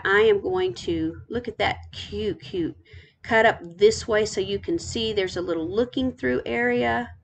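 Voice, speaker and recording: A middle-aged woman from Texas, hosting a casual tour of a game island, gushing and repeating her praise. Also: medium pitch.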